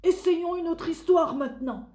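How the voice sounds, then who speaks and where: Woman voicing an earnest high-pitched little storybook boy. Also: normal speed, mellow. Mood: eager, reassuring. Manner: exclamatory, earnest, sing-song. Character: eager, kindly little boy who loves books. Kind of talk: children's storybook character voice. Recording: echoey room.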